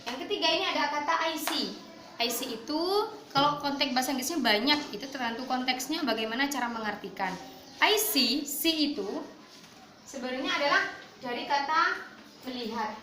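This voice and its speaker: A woman teacher with an Indonesian accent giving an online lesson, saying English phrases slowly for students to repeat. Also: high-pitched, echoey room, background noise.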